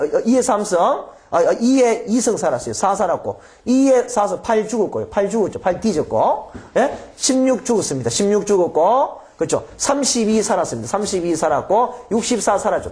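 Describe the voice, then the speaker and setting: A man's voice: high voice, a little mellow. A man with a Gyeongsang accent giving an exam-prep lecture, quizzing students with rhetorical questions and drilling by repetition. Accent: Gyeongsang Korean.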